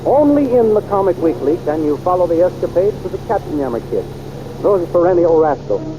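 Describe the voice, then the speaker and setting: On a muffled old radio transcription with background noise, a high-voiced man announces dramatically and briskly, his pitch swinging widely. He narrates an adventure serial and delivers its sponsor copy.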